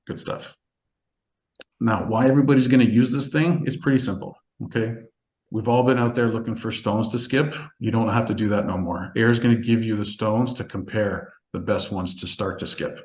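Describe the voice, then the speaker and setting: Low-voiced man pitching, echoey call. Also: a little mellow. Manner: fast-talking, keeps checking in with listeners. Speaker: webinar presenter. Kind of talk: casual sales presentation.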